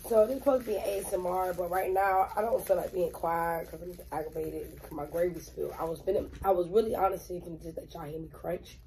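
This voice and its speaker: A woman's voice: on the low side, fairly even intonation, brisk, gravelly, hardly any pauses, mellow, a little hiss or hum, rough recording. A woman, chatting bluntly and profanely on camera while she eats, rambling as she goes. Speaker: mukbang vlogger. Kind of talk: casual chat while eating on camera.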